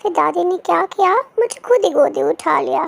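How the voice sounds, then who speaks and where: A woman's voice: very high voice, normal speed, creaky, no echo, exaggerated voice. A woman voicing a chatty, cheerful baby girl who narrates her own day in a cutesy vlog, talking playfully straight to the viewers.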